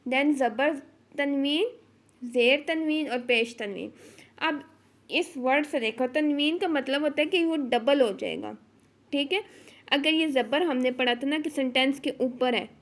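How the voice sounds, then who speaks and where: A woman with a Pakistani Urdu accent gives an online Quran tajweed lesson in a high-pitched voice. She works through each rule patiently and step by step. She pauses often to check that her students are following. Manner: patient, explains step by step with frequent check-ins. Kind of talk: online lesson explaining rules.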